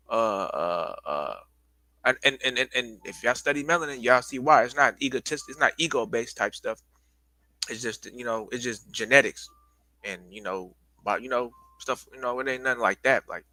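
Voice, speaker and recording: A man hosting a casual livestream lecture, talking loosely to his viewers with lots of restarts and pausing to catch his breath. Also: medium pitch, bright, forceful tone, no room sound, poor audio. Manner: loose, repetitive, addresses viewers as y'all. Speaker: livestream host giving a presentation.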